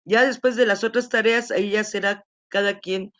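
A woman's voice: mid-range voice, steady tone, moderate pace, a bit bright. Woman, teacher, online class, patient explaining, dull video-call audio.

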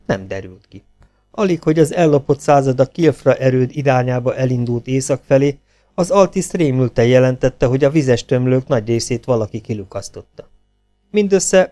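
A man's voice: mid-range voice, dark tone. Man reading an adventure audiobook. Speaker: audiobook reader. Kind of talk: audiobook narration of an adventure novel.

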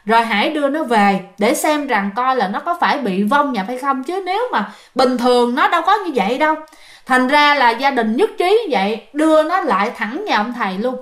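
Female storyteller, Southern Vietnamese accent, high-pitched, casual and chatty, addressing the audience. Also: expressive, brisk, a bit bright. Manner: chatty, addresses listeners directly. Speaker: ghost story narrator.

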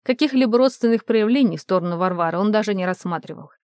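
A woman narrating an audiobook in a measured, even manner. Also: mid-range voice, dry recording, clean studio sound. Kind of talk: audiobook reading.

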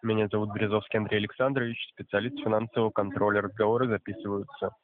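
A man's voice: fairly low pitch, little pitch movement, rapid-fire. A man working as a debt collector, making a formal, polite scripted call. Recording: narrow tinny phone line.

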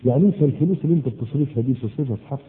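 A man preaching a sermon in Egyptian colloquial Arabic, switching between lively everyday talk and slow, drawn-out recitations. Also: medium pitch, a little hiss or hum. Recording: echoey hall, tinny phone-like sound.

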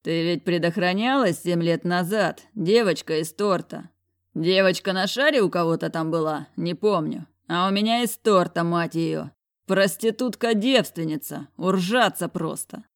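A woman's voice: on the low side, normal speed, natural voice. A woman voicing a rude, hulking grown man who growls and sneers in an audiobook. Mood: mocking.

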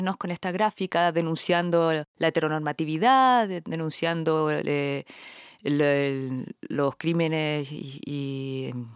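A woman from Chile, a guest on an interview podcast, talking thoughtfully with frequent pauses and tag questions. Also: sits low, clean tone, no echo, studio quality. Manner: thoughtful, pauses often and tags phrases with questions. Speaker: guest artist and researcher.

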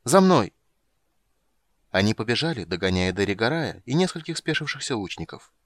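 Male audiobook narrator, fairly low voice, steady and dramatic, dry close sound. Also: fast talker, no echo.

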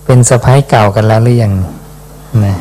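A man, a Buddhist monk, reading scripture aloud and explaining it in an unhurried dhamma talk, ending phrases with a soft questioning particle. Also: lowish voice, level tone, slight background noise.

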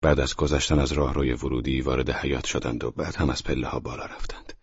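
A man narrating an audiobook in a measured, tense storytelling voice that sometimes drops to a whisper. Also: rumbling low, steady tone, slightly rough, no room sound, muffled recording. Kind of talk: scripted narration.

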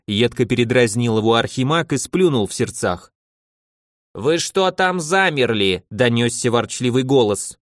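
A man's voice: mid-range voice, no room sound, studio quality. Man reading a fantasy audiobook. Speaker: audiobook narrator. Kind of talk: scripted audiobook narration.

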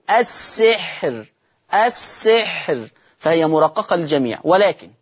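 A man with an Egyptian accent teaching Quran recitation in a televised lesson, drawing out words slowly to show how they sound and asking the viewers rhetorical questions. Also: high-pitched, slightly rough. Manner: draws out words slowly to demonstrate pronunciation.

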